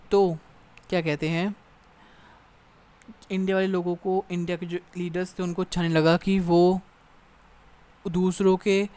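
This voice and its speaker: A young man teaching an exam-prep lesson, reading English text slowly and then explaining it casually with frequent check-ins. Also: sits high, a little mellow, smooth. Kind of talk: exam-prep lecture in Hindi mixed with English.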